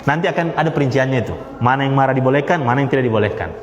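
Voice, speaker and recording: A man teaching a religious study class to listeners in the room, lively and repeating his key phrases. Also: mid-range voice, rapid-fire, roomy sound, in a large hall, muffled recording. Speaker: Islamic teacher. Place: study gathering with listeners present.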